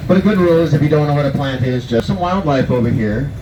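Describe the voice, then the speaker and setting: A man gives rehearsed tour commentary as a bus driver and guide. His mid-pitched voice sounds echoey and muffled, with clear vehicle noise around it. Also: expressive, quick pace, recorded from a distance. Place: tour bus on a hill road.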